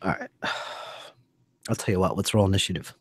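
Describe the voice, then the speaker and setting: A man narrating a one-on-one tabletop game as game master, in a loose, halting way with many fillers. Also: low voice, husky.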